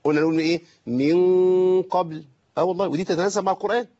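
An Egyptian man teaching Quran recitation, his voice a touch higher than most men's. He talks in an animated, teasing way and demonstrates the mistakes he corrects. The recording sounds dull and lo-fi. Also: racing. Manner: animated, mock-scolding, demonstrates recitation errors.

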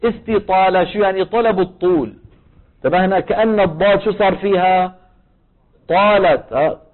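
A man's voice: high voice, normal speed. A man with a Levantine Arabic accent teaching a tajweed lesson on Quran recitation. He explains patiently and keeps asking the class questions that he then answers himself. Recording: thin, phone-like recording.

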